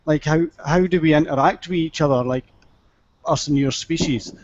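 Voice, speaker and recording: A man's voice: on the high side, moderate pace, dry recording. A man hosting a session, asking questions casually in a hesitant way, repeating his words. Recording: dull, dry lo-fi audio.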